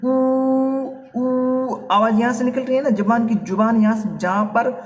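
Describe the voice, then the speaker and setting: Distant Rajasthani man teaching phonetics. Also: high-pitched. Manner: repeats sounds slowly, addresses students as beta. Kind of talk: Hindi grammar class.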